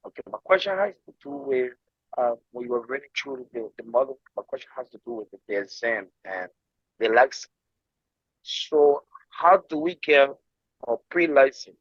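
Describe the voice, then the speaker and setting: A man's voice: medium pitch, sing-song, measured pace, gravelly, long pauses, slightly rough, dry recording. Man on a dull, dry call. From Liberia. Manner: repeats and rephrases his question. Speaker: student.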